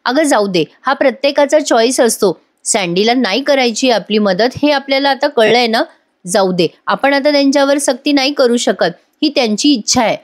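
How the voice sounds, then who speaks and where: A woman voicing a gentle, calm young heroine from a TV serial. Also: a little high, normal speed, close to an everyday voice. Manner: soothing, resigned.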